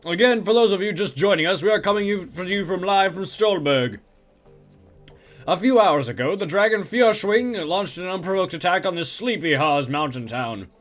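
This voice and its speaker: A man's voice: high voice, lively intonation, normal speed, soft background music, voice pushed up. A man voicing a male TV news reporter, delivering each line in a punchy newscaster style. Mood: urgent.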